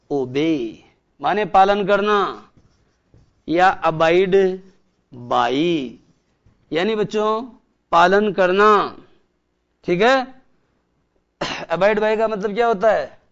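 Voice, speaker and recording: A man with a Rajasthani Hindi accent teaches an English lesson in Hindi, asking the class questions and then answering them himself. His voice sits high and comes through smooth and clear. The recording sounds slightly dull, like broadcast audio. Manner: stretches key English words out slowly.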